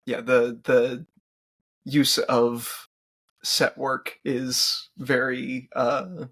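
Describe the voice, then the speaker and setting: A man guesting on a podcast, talking haltingly about a film. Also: medium pitch, little pitch movement, fairly bright tone, breathy edge. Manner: halting, hesitant. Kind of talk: casual film discussion.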